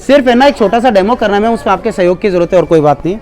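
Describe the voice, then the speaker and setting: A man's voice: high voice, expressive, rapid-fire, darkish tone. A man giving a live demonstration speech at a school seminar, coaxing the children and mixing in English phrases. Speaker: seminar presenter.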